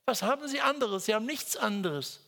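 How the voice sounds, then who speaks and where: A man preaching a sermon with a dramatic delivery, moving from hushed whispers to loud exclamations. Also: high voice, expressive, fairly quick, gravelly.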